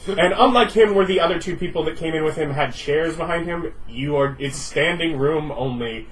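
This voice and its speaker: A man improvising narration as game master, in a conversational, halting way. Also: on the high side. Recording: distant mic with faint room noise.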